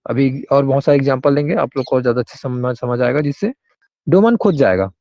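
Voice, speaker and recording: A man's voice: mid-range voice, expressive, quick pace, a little mellow, dry recording. Guy teaching grammar online, keeps asking students if they get it, dry dull audio. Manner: explains with repeated checks, questions students by name. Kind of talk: online class explanation.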